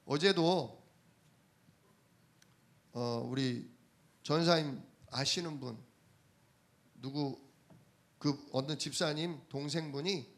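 A man preaching a sermon, telling everyday stories and asking the congregation rhetorical questions. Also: mid-range voice. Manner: conversational storytelling from daily life.

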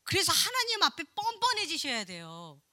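A woman, a pastor's wife, preaching a sermon in an animated, playful way, with laughing asides and sudden drops to a hush. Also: very high voice, normal speed.

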